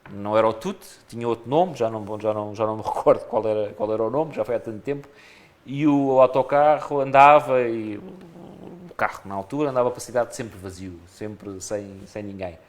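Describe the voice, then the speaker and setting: A man's voice: on the low side, fast, few pauses, darkish tone. A man with a European Portuguese accent, a candidate in a local election, answering radio interview questions earnestly and often restarting his phrases.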